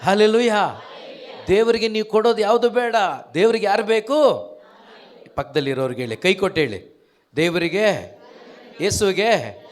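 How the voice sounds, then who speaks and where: A man preaching an emphatic sermon, firing off rhetorical questions and calling out hallelujahs. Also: high-pitched.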